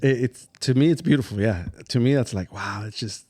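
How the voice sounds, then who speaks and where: A man's voice: medium pitch, brisk, dark tone. A man talking as a guest on a podcast who tells stories and acts out what others said, laughing often, then explains ideas step by step repeated "right?". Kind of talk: casual podcast conversation.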